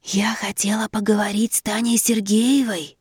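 A woman reading an audiobook, voicing a frightened, timid female friend who pleads softly over the phone. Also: on the high side, moderate pace, no echo, clean studio sound, close to an everyday voice. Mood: whispering.

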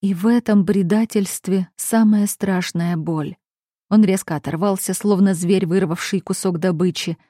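A woman reading a romance audiobook in the first person. Her reading is intimate and expressive, with a warm, mellow tone. The recording is dry and close, with no room sound. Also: medium pitch, normal speed, no room sound. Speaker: audiobook narrator.

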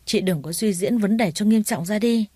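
A woman's voice: medium pitch, normal speed, warm tone, husky, no room sound, clean studio sound, natural voice. A woman voicing a defiant young female student who petulantly talks back to her family, in a narrated story.

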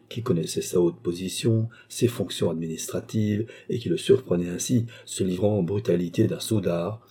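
Low, husky male audiobook narrator. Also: dark tone. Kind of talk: audiobook narration of a classic novel.

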